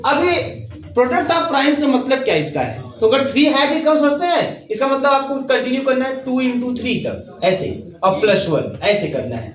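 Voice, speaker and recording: A man with a high, sing-song voice teaches a math class, slowly working through each step. In a reassuring way, he keeps checking that everyone is following, repeating phrases like "theek hai na". The recording sounds roomy, echoey and distant, as well as a little dull.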